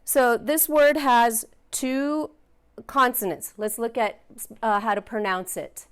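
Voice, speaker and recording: A woman's voice: on the high side, slow pace, fairly bright tone, smooth. A woman teaching a phonics lesson, patiently sounding out letters and words and encouraging her learners.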